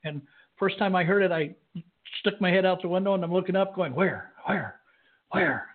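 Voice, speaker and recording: A man co-hosting a casual podcast chat, throwing in dry jokes. His voice is high for a man. The audio is thin and phone-like. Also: steady tone, quick pace. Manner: dry joking asides. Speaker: co-host.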